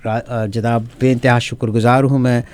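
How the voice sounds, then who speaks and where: A male interview host with an even, mid-pitched voice. He speaks politely to his guest and often hesitates, restarting his sentences and filling the gaps. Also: clear, resonant tone. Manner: courteous and hesitant, with fillers and restarts.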